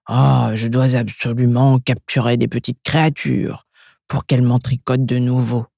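Grumpy menacing storybook ogress, put on by a woman reader; dark, dry. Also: a bass voice, little pitch movement, normal speed, no room sound, full character voice. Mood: grumbling. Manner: growling, gruff and menacing. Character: grumpy bossy female ogre. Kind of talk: children's storybook reading.

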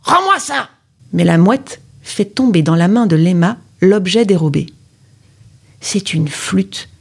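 A woman reading her own children's storybook aloud, with expressive, gently dramatic narration. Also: fairly low pitch, unhurried, breathy edge. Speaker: storyteller and author.

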